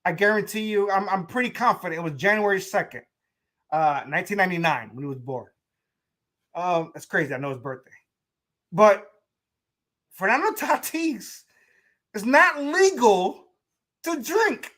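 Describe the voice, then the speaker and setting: A man hosting a casual sports talk show, speaking in an animated way, repeating himself and talking straight to his listeners. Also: high voice, moderate pace, long pauses.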